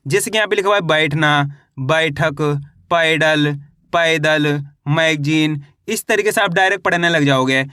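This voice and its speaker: A man's voice: high-pitched, pushed and bright, no room sound, studio quality. A man teaching a Hindi reading lesson, sounding out syllables one by one and then saying the whole word, coaxing viewers to try. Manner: spells out syllables slowly, then says each word; addresses viewers as friends, coaxing them to try.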